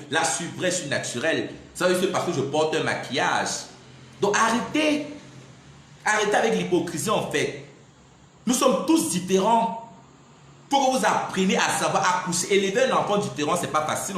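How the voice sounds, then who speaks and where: A man's voice: on the high side, a bit bright. A man speaks in a defiant live-stream monologue, pressing his points again and again. His voice rings around a very echoey room over a faint background hiss. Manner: defiant, repeatedly saying "I'm sorry" and "in fact". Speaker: livestreamer.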